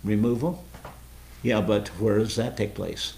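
A man's voice: lowish voice, fairly even intonation, unhurried, vocal fry, darkish tone. A man leading an informal Bible study, earnestly explaining scripture and quizzing his group.

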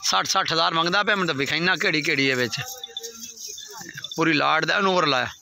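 A man's voice: a little high, brisk, creaky, pushed and bright, slight background noise. A man, haggling insistently and repeating himself while filming with a phone in an open farmyard. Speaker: vlogger and goat buyer. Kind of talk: casual bargaining on camera. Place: outdoor dusty farmyard. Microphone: phone held at arm's length.

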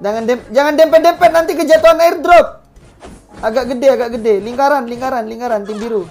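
A woman's voice: high voice, brisk, darkish tone, faint music behind. A woman hosting a game session, barking repeated commands at players and swearing casually. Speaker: gaming channel host. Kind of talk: live game commentary giving orders to players.

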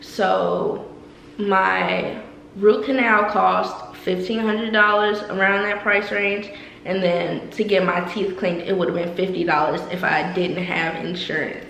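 A woman's voice: medium pitch, steady tone, a little slow, gravelly, a bit bright. Woman, nineteen, speaking with braces, casual chatty vlog, lots of ums, roomy echo, faint noise. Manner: chatty, with frequent ums and likes. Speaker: vlogger.

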